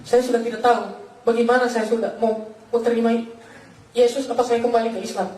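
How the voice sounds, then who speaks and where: A man's voice: very high voice, little pitch movement, a little fast, darkish tone. A man preaching a fervent testimony sermon, telling his story and constantly calling out to his listeners as brothers. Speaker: pastor giving a testimony. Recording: echoey hall, voice from a distance.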